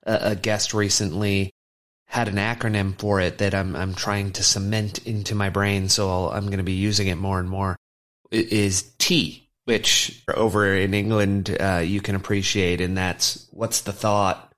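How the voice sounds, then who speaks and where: A man with a fairly low voice hosts an interview podcast. He frames his questions thoughtfully and reflects on what his guest has said before asking more. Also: flat delivery, measured pace, fairly bright tone. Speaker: podcast host.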